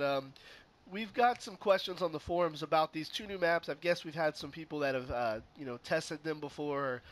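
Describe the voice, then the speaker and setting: A man hosting a relaxed podcast chat while getting over a cold, easygoing and joking with lots of fillers. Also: fairly high pitch. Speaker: podcast host.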